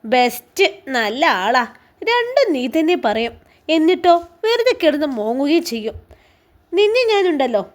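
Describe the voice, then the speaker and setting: A young woman friend, played by a woman storyteller, consoling and gently chiding in a high, lively voice. She has a Malabar Malayalam accent. It is a spoken storybook role. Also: moderate pace. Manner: comforting, scolding fondly.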